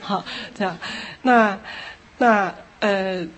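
A woman preaching a sermon, repeating phrases for emphasis and adding lively asides. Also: mid-range voice, extremely slow.

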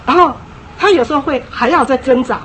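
A woman with a fairly high voice gives an emphatic church teaching talk. She speaks in a conversational way and acts out short scenes. Faint noise sits under her voice. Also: fairly quick, fairly bright tone, rough recording.

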